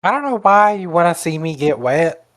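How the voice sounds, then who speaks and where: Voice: mid-range voice, sing-song, normal speed, fairly bright tone, voice pushed up. A player voicing Simon, an apologetic adventurer, in a tabletop game, speaking in character in a near-everyday voice.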